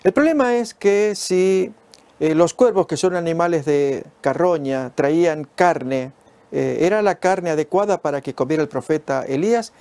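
Man, Bible teacher, mellow tone, slightly high voice, measured explanations. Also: smooth. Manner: measured, explains step by step with fillers.

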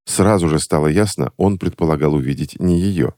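A man narrating a fantasy novel as an audiobook reader, with expressive storytelling. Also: extremely low pitch, a little fast, no echo, clean studio sound.

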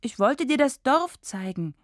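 A woman's voice: high voice, sing-song, unhurried, no room sound, clean studio sound, voice pushed up. A woman voicing a playful, mischievous young mermaid girl in a radio drama, speaking in a light, teasing and carefree way. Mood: apologetic. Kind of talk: radio drama read-aloud.

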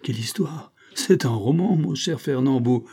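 A scheming villainous count in an audiobook, persuasive and insistent, speaking a little above his usual pitch, as a male reader puts him on. The voice is dark and somewhat husky. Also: expressive, moderate pace. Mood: feigning. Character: scheming villainous nobleman, smooth liar. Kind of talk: audiobook character reading.

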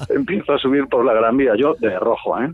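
A man's voice: medium pitch, moderate pace, breathy edge. A man with a Spanish accent from Spain telling a casual, slangy anecdote on a radio show, acting out his own past remarks. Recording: tinny phone-like sound, dry.

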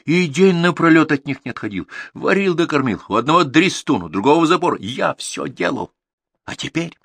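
A man's voice: mid-range voice, expressive, moderate pace, slightly rough, dry recording. A male audiobook reader voicing a blunt, hot-tempered young cattle herder who speaks curtly and in anger. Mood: angry. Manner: curt, angry, shouting at times.

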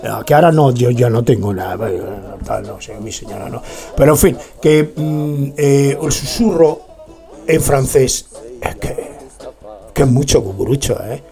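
A man from Spain hosting a radio show, talking in a chatty, digressive monologue full of animated asides. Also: medium pitch, a little slow, vocal fry, faint music behind. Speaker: radio host playing music. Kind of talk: rambling casual monologue.

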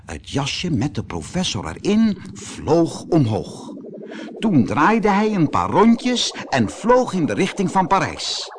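A man from the Netherlands reading a children's fairy tale aloud as a storyteller, lively and expressive. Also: on the high side, slow pace, noisy background. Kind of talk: audiobook fairy tale narration.

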